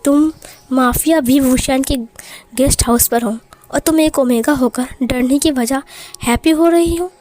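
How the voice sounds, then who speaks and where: A woman's voice: high voice, normal speed, a little mellow, no room sound, soft background music, natural voice. A woman voicing a short-tempered young male mafia boss who snaps and threatens. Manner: snapping, threatening, bossy.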